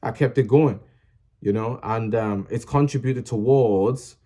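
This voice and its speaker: At a measured pace and in a warm, medium-pitched voice, a young creator of music videos speaks casually to his followers. His motivational vlog talk meanders with fillers and restarts as he sincerely tells them to post what they love.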